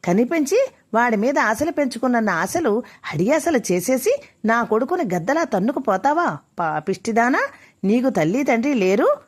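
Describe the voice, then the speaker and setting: A woman voicing a distraught middle-aged mother who is fearful and quick-tempered, speaking in a tearful, pleading way. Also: a little high, sing-song. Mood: angry.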